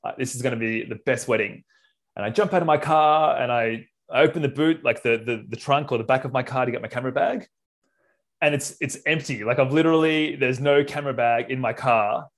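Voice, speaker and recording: A middle-aged Australian man, a wedding photographer, telling a story casually and acting out quoted lines, clearing his throat now and then. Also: medium pitch, brisk. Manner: animated, acts out quotes, frequent clears throat.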